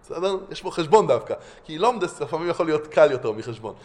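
Animated, high-pitched male Torah lecturer. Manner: animated, emphatic, with many restarts. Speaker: rabbi.

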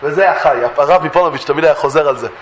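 A man giving a Torah lesson, telling stories lively and acting out the voices he quotes. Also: on the high side, slight background noise. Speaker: Torah teacher. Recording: echoey room.

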